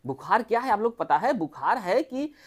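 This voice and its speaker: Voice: medium pitch, big pitch swings, normal speed. Chatty doctor. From Uttar Pradesh, India. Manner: chatty, asks the listeners many rhetorical questions. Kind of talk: informal health talk to a small group.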